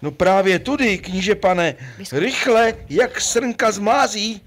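A man's voice: sits high, fairly bright tone. A man playing an obliging, clownish servant in a rhymed puppet play, comic and folksy. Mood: eager, clownish.

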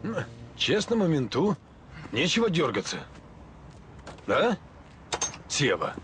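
Slow, mocking cynical man. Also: a little high, wildly swooping pitch, fairly bright tone, a little hiss or hum, heavily acted.

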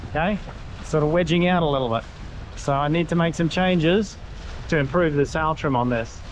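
A man with a rather high voice gives a casual, hands-on explanation, pointing things out as he talks. He is outdoors on the deck of a catamaran at sea. Strong wind noise hits the camera mic the whole time. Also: moderate pace. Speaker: sailing instructor.

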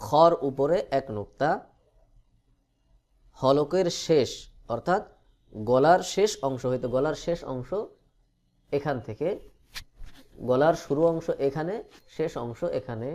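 A man teaching Quran reading, explaining letter sounds patiently and slowly stretching out each letter as a drill. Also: a little high, a little mellow. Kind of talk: recorded lesson on letter pronunciation.

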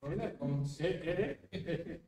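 Male pastor, fairly high voice, lively Bible-study teaching, echoey hall, mic at a distance. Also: extremely slow, vocal fry, music in the background. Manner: animated, mixes English words into Spanish, tag questions. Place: church.

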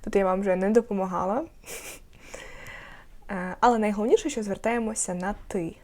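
A woman's voice: medium pitch, fairly even intonation, darkish tone. Woman teaching a Polish lesson. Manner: explains slowly, repeats key words, drawn-out example phrases. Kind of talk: online language lesson.

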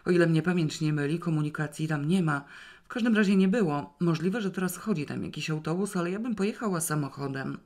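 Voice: medium pitch, fast talker, darkish tone, lightly acted. A reader voicing a stern, sarcastic grandmother. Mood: dry. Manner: curt, scornful, commanding.

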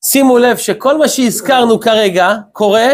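A male rabbi preaching a sermon to a congregation, firing off rhetorical questions and telling stories with quoted exchanges. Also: very high voice. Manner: acts out short quoted exchanges in storytelling.

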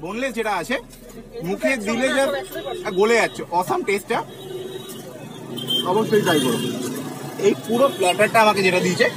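A man's voice: high-pitched, background noise. A man, a street food vlogger, chewing while talking as he reviews food at an outdoor stall. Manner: rapid, mixing English words into his talk. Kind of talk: casual food review vlog.

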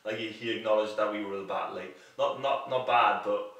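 A man guesting on a casual movie review chat, talking haltingly with many "like"s and restarts. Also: on the low side, fairly even intonation, a bit bright, highs cut off. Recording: echoey room, distant from the mic.

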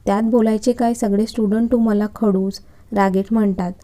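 A woman's voice: medium pitch, steady tone, a little fast, dark tone, natural voice. A woman reading the lines of a cheeky young woman student in a storybook romance, teasing and talking back.

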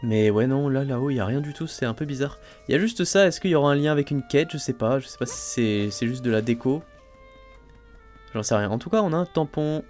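A man casually commenting on his gameplay as a let's play host, thinking aloud, full of fillers and excited exclamations over each new find. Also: mid-range voice, fairly quick, faint music behind. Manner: chatty, thinks aloud, frequent "hein" and "euh" fillers.

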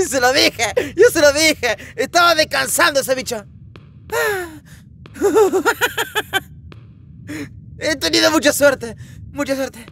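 A man giving casual, excitable commentary while playing a VR game, laughing often and shouting at the game. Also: extremely high pitch, unhurried, gravelly. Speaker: gamer.

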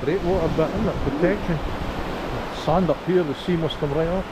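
A man's voice: a little high, normal speed. Chatty older Scottish man on a road trip. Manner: chatty, dry humour, wry asides. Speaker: travel vlogger. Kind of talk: casual travel vlog. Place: in a car and outdoors by the sea. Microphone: action camera held at arm's length. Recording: wind and traffic noise. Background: car and outdoor ambience.

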